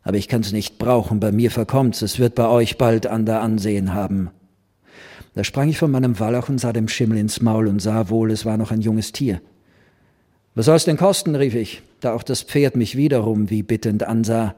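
A man's voice: on the low side, normal speed. A man reading a classic story aloud, acting out the dialogue with expression. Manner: expressive, voices the characters. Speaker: reader. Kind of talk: literary reading with acted dialogue.

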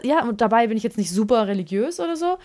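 Woman cohosting a sex podcast, slightly high voice, chatty and giggly. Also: lively intonation, fast talker, darkish tone. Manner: chatty, giggly, thinks aloud. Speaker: podcast co-host. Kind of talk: casual sex-talk podcast chat.

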